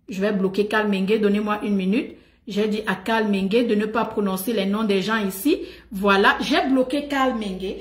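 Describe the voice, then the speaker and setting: Woman, middle-aged, live streamer, emphatic gossip monologue, repetitive, laughs often, a bit high-pitched. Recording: roomy echo.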